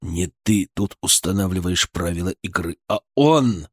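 A man's voice: medium pitch, wildly swooping pitch, unhurried, vocal fry, fairly bright tone, no echo, studio quality, exaggerated voice. A man playing a sneering young thug cop. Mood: menacing. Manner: lazy drawling menace, slangy and sneering. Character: cocky young male thug posing as cop. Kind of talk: audiobook character voice.

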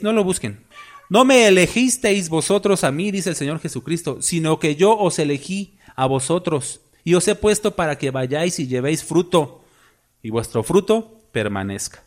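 A man preaching a sermon, emphatic and full of rhetorical questions to the congregation. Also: high-pitched.

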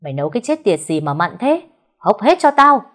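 Woman playing a bereaved young man in an audio story: raw wailing grief that turns to harsh shouting. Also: mid-range voice, normal speed, husky, natural voice. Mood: furious. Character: young grieving son turned violent, male.

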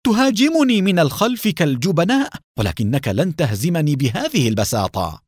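Brief: cold, sarcastic masked gunslinger, read by a man, lively pitch, dry sound. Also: a little fast, dry recording, lightly acted. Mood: furious. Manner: calm, mocking. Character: calm masked vigilante cowboy, a grown man, cold and sarcastic.

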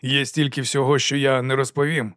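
Quietly confident young monk, even and measured, in the male reader's own voice. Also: medium pitch, no echo, studio quality, natural voice. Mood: calm.

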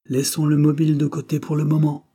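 A man voicing a confident male detective, insistent and brisk, in a storybook reading. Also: a little high, completely flat delivery, warm tone, slightly rough, pitched above the performer's own voice. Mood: firm. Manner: insistent, cheerful authority.

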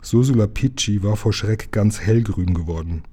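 A man reads a children's storybook aloud, narrating with lively care. His voice is low and dark, with a husky, breathy edge. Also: moderate pace. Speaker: reader of a children's book.

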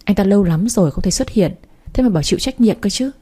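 Mellow, husky woman narrating a story. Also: mid-range voice, expressive, quick pace. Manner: reads dialogue of several characters in her own voice. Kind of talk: first-person audiobook narration.

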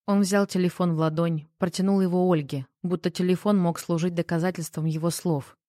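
Woman narrating an audiobook quietly. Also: on the low side, steady tone, a little fast, dry recording, clean studio sound.

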